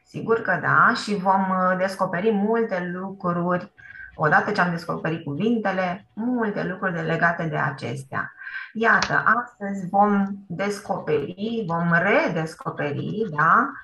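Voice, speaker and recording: Romanian teacher lady on a video call, gravelly, keeps saying bravo and da, echoey room. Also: lowish voice, a bit bright, a little hiss or hum. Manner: encouraging, asks "da?" often, praises with "bravo". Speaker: primary school teacher. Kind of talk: online class for young children. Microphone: computer mic on a video call.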